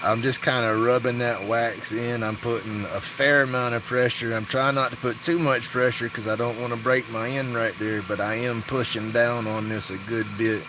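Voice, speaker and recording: A man's voice: medium pitch, steady tone, normal speed, hardly any pauses. A man with a Southern US Appalachian hillbilly accent chatting casually and folksily on a livestream while he works, sometimes getting tongue-tied. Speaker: woodturning livestreamer. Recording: noisy workshop, machine hum behind voice.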